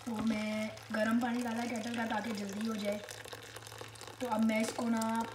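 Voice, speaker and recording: Hoarse woman chatting in a vlog. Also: a little high, little pitch movement, measured pace, noisy background. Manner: whispering hoarsely at first; chatty, cooking while explaining. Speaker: vlogger. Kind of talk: casual vlog chat. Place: home, kitchen.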